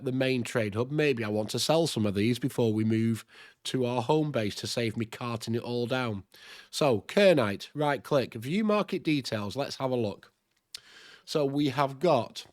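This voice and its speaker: Thinking out loud through a casual screen-recorded game tutorial, this host sounds nasal and blocked up from a cold. The recording is clean studio quality without echo, and his pitch is mid-range.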